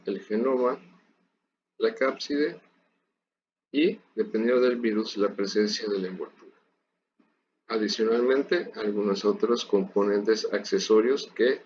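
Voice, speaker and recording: Guy with a lowish voice lecturing students, calm and explanatory, dull muffled audio. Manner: measured, explanatory, addresses students directly. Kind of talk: recorded university lecture. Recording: dull lo-fi audio with faint noise.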